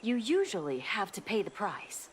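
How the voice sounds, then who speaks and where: A woman's voice: medium pitch, huge pitch swings, moderate pace, background noise. An actress voicing an ancient female fox spirit in a game, cool, dry and dismissive. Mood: musing. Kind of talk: game cutscene voice acting.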